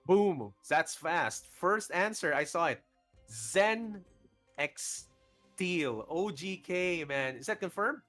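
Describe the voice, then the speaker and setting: A man casting a live online game tournament and hosting chat trivia, energetic and laughing often. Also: sits high, slow, faint music behind. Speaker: esports caster.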